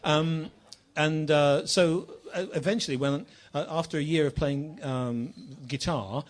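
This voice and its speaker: Older male guest, storyteller type, a touch higher voice, wandering recollection. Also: measured pace. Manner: rambling, storytelling. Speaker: guest musician. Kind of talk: anecdotal storytelling on stage.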